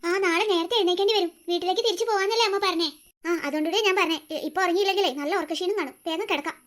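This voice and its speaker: A woman's voice: very high-pitched, racing, fairly bright tone. A woman voicing a caring teenage elder sister who explains things patiently, in a cartoon story. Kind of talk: cartoon voice acting.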